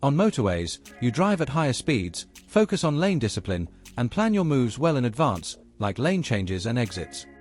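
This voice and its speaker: A man presents a driving lesson as scripted instructional narration, explaining each point in a measured way and addressing learners directly. His medium-pitched voice is sing-song, with faint music behind.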